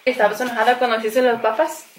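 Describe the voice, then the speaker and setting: A woman's voice: fairly high pitch, little pitch movement, racing, a crowd in the background. A young woman chatting casually to her camera at a family meal, giggling often and switching between languages. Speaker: vlogger. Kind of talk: casual vlog chat. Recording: noisy home camera audio.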